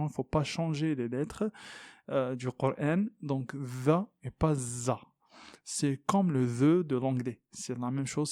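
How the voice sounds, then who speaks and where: A man teaching Quran recitation, patiently explaining letters and repeating sounds slowly with frequent hesitations. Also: medium pitch, warm tone, no echo, clean studio sound. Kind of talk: tajwid lesson, explaining and demonstrating pronunciation.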